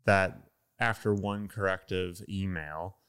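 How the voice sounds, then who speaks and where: A man's voice: deep voice, steady tone, takes it slowly, fairly bright tone, clean tone. A man guest in a casual chat, telling stories in an easygoing, wry way.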